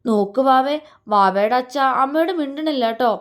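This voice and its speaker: A playful young pregnant wife teases her husband in a light, high, lilting voice, as a woman storyteller reads her. She has an easy, mischievous manner. The story is read aloud as an audio tale. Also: lively intonation, moderate pace. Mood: teasing. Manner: playful, teasing.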